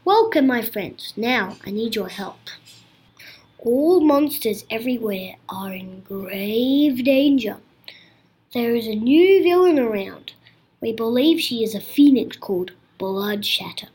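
A woman's voice: fairly high pitch, expressive, slow pace, darkish tone, husky, exaggerated voice. A woman voicing a kindly male monster king in a children's story, fond and welcoming toward visitors. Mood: earnest. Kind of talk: storybook character voice.

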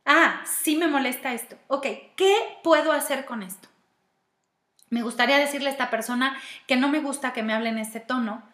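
In an echoing room, a woman with a Mexican Spanish accent shares self-help guidance on personal growth. Her voice is high and fairly bright at a normal speed, and she works through steps while asking herself questions aloud.

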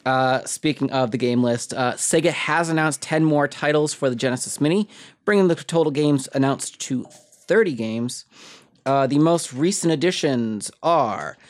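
A woman co-hosts a laid-back gaming podcast and runs through the week's news. Her delivery is relaxed and chatty, with dry little asides between items. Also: extremely low pitch, moderate pace. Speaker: podcast co-host. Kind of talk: casual chat.

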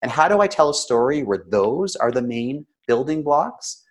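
A man who is slightly sick, coaching conversationally with examples in a practised storyteller's delivery, with emotion and deliberate pauses. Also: medium pitch, very animated. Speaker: storytelling coach and interview guest.

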